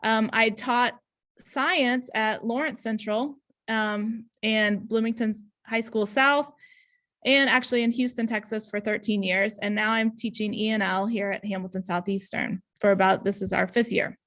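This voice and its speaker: Speaking a little slowly, this thirtysomething woman from Indiana, USA presents at a conference via webcam on a video call, where she works as an ENL teacher. Her pitch is on the high side, the tone a bit bright and the intonation fairly even. She's earnest but full of ums and restarts.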